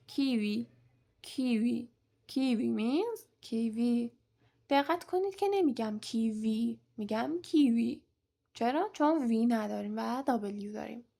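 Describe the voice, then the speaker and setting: Young woman, English vocabulary teacher, fairly high voice, slow careful word drills, quick asides. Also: darkish tone. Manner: says each English word slowly and clearly, then repeats it; explains quickly in between. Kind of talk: vocabulary lesson, teaching words aloud.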